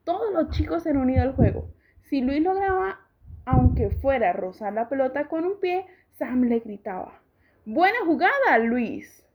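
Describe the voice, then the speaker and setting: A woman reads a children's storybook aloud in a slow, careful and expressive way. Her voice sits high. The recording is dull and lo-fi. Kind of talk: reading a children's book aloud.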